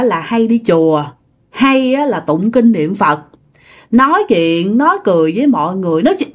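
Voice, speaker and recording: A woman telling a ghost story in a chatty way, often addressing her listeners directly. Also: medium pitch. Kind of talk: spoken ghost story narration.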